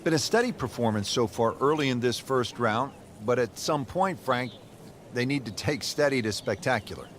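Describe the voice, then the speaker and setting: A man playing a measured television golf commentator, calling play in a video game broadcast. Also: medium pitch, animated, slight background noise, natural voice. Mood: measured, engaged. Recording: music and crowd behind voice. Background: music and crowd.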